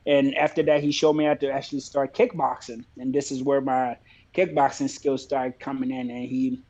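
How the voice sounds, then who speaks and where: A man from Liberia who fights professionally, talking about his career in a relaxed, plainspoken way in a casual interview. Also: medium pitch, moderate pace, highs cut off. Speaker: MMA fighter, guest.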